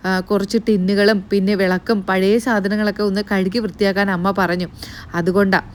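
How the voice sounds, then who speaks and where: A woman's voice: medium pitch, little pitch movement, brisk, close to an everyday voice. A woman voicing a meek young daughter-in-law answering hesitantly.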